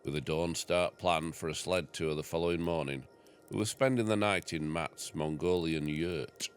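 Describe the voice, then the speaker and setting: A man with a very deep voice reads from the family book in a wry storytelling manner. Soft music plays faintly under him. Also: normal speed. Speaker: farmer reading his book aloud. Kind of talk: reading a memoir aloud.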